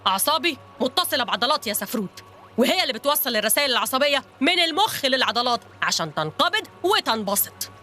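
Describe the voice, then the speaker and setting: A woman voicing Captain Saaq, an excitable coach in a children's audio drama who panics and stammers at the mention of a cramp. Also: high voice, quick pace, faint music behind, full character voice. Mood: explaining.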